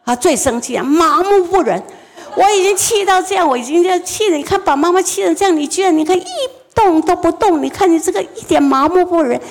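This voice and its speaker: Older woman doing an enraged nagging mom, piercing and gravelly. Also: expressive, heavily acted. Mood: exasperated. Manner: shrill, rapid-fire scolding. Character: furious nagging mother scolding her young son.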